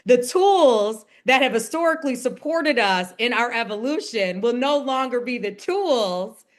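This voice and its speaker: A woman hosts a wellness podcast, chatting casually with a guest in a slightly high voice that's lively in intonation and a little slow. She sounds affirming and reflective, often reaching for spiritual language, and keeps a conversational tone throughout.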